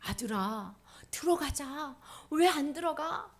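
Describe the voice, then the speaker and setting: A woman's voice: sits high, lively intonation, slow, voice pushed up, exaggerated voice. A woman voicing a loving, joyful father in a children's Bible story, calling out orders and coaxing his son. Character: loving joyful father, older man, warm.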